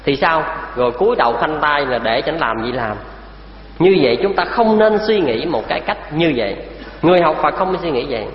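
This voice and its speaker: A man's voice: on the high side, expressive, fairly quick, a little hiss or hum. A man preaching a Buddhist sermon, emphatic and full of rhetorical questions put to his listeners. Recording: echoey hall, dull lo-fi sound.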